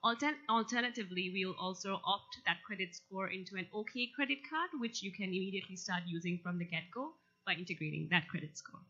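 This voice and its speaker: A woman's voice: medium pitch, a little fast, few pauses, sharp tone. A woman, a student, explaining her team's startup plan steadily. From Sri Lanka. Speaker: student pitcher. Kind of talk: team startup pitch. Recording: slightly muffled event audio.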